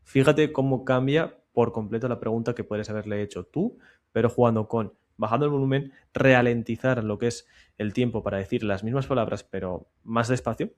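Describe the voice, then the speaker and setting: A man, speaking at a middling pitch, explains sales calls in a loose, chatty way. He talks in quick bursts and then turns quiet and slow to show how a question should land. It sounds like a sales coach talking straight to his viewers. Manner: talks in bursts, drops volume and slows to demonstrate soft questions. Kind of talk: casual explainer to camera.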